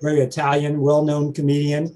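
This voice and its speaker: A Southern-accented man hosting with nonstop energy and a jokey, hype-man delivery. His voice sits a bit high for a man yet sounds mellow and warm. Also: monotone. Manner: high-energy, joking, rapid hype intros. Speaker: host and stand-up comedian. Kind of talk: energetic talk-show hosting.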